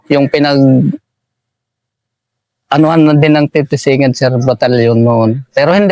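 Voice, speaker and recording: Speaking in a medium-pitched, slightly mellow voice in a dry recording, a militiaman from Eastern Samar, Philippines, tells his interviewer a war story. He stays deferential throughout, saying "sir" almost constantly.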